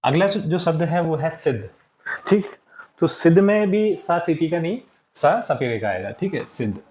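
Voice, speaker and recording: A male teacher walking young pupils through textbook answers, saying each word slowly for them to repeat and often checking in with "ठीक है". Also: fairly high pitch, animated, a little mellow, roomy sound. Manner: slow and deliberate, checks in with frequent "ठीक है". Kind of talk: classroom lesson walkthrough.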